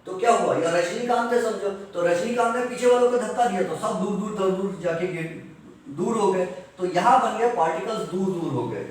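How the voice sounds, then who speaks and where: A male science teacher giving a classroom lecture, explaining step by step and slowly dictating definitions. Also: high voice, animated, a little hiss or hum. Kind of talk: classroom lecture mixing Hindi and English. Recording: echoey room from far off.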